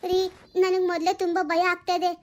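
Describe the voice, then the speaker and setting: A woman's voice: completely flat delivery, quick pace. A woman doing a frightened, pleading young mother. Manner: tearful, pleading, high and thin. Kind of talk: amateur audio family drama.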